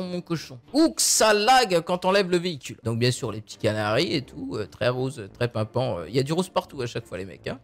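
A young man giving excited gameplay commentary as a gaming YouTuber, exclamatory and slangy, easily amazed, talking at a desk mic at home. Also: on the high side.

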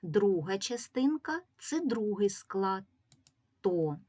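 A woman teacher giving a reading lesson to young children, patiently sounding out words syllable by syllable. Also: fairly low pitch. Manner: slow, patient, drawing out syllables. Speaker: primary school teacher.

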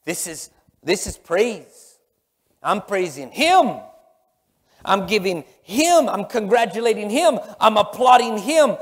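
This pastor, a middle-aged man, preaches slowly with a high-pitched, breathy, very animated voice. His emphatic, repetitive sermon moves between loud exclamations and hushed murmurs as he stands on stage in a large sanctuary, whose long hall reverb colors the sound.

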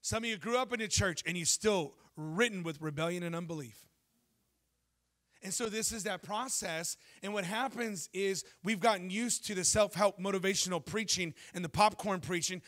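A pastor in his thirties preaches a sermon from a church stage, holding a mic in his hand. His voice is high-pitched and animated as he tells lively stories, cracks jokes, and poses questions to the congregation.

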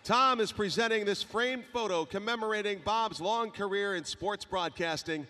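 In a large indoor ice hockey arena, a male announcer delivers a formal, scripted ceremony announcement, projecting over the public address. His voice is high-pitched and sharp at a moderate pace, and the echoing PA carries clear crowd ambience and arena noise.

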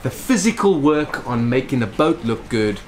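Seated in a boat's salon for an interview, a man in his forties who owns the boat talks casually, gesturing animatedly as he explains. His voice sits at a medium pitch at a normal speed, with a little background noise.

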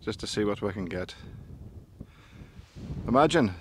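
A man in his fifties, voice on the low side, speaks unhurriedly with lively intonation. He's an outdoor vlogger making a casual vlog on a windy summit, phone camera at arm's length, chatting away, laughing often and making fun of himself.

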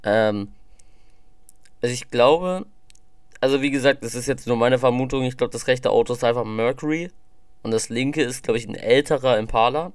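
A man's voice: medium pitch, normal speed, smooth, no echo, studio quality. A man giving casual, enthusiastic, rambling reaction commentary on music into a desk microphone. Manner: enthusiastic, slangy, rambling with fillers.

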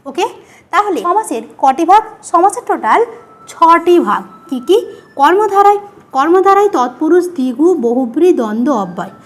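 A woman with a very high, bouncing voice leads an exam-prep grammar lesson. She poses questions to her students and answers them herself, saying each key word again, slowly. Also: sing-song. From West Bengal. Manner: repeats key words, asks and answers her own questions. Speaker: teacher.

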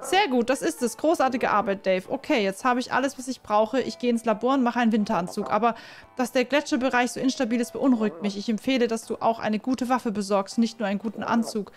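A woman reading out an upbeat male scientist's lines in a slightly lifted, brisk and encouraging voice. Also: on the high side, natural voice.

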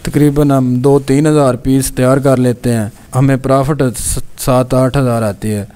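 Man, 30s, mellow mid voice, short plain answers, small factory owner, handheld mic. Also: medium pitch, fairly even intonation, moderate pace, clean tone. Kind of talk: interview answers. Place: small workshop indoors.

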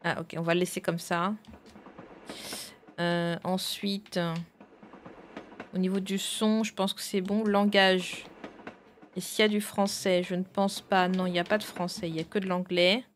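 A woman's voice: fairly low pitch, level tone, unhurried, pauses often, a little hiss or hum. A woman streamer chatting casually with her viewers as she checks files and switches games, thinking aloud as she goes. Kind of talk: casual live-stream chat.

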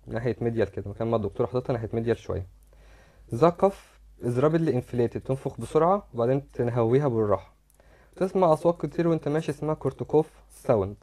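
This mellow, mid-range male voice carries an Egyptian Arabic accent. He lectures on a medical topic over slides, walking through each step and repeating words while he demonstrates.

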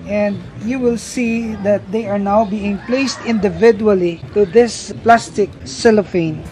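A man's voice: sits high, fairly even intonation, measured pace, a little mellow, faint music behind. A middle-aged man from the Philippines, explaining fish breeding to viewers in a casual vlog at an outdoor fish farm. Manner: explanatory, addresses viewers as guys. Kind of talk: casual walk-through vlog narration.

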